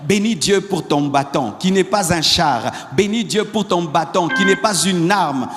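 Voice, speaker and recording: A man preaches a sermon in a high voice, hammering phrases again and again and rising to shouts. He calls on the congregation to repeat after him. His voice rings in a long reverb, with faint music underneath. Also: animated, a little slow. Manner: repetitive, rising to shouted exhortations. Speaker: pastor.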